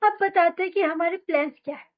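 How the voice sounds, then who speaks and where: High-voiced woman teaching German. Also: highs cut off. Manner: explains quickly, then reads example sentences very slowly for repetition. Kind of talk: spoken language lesson with drills.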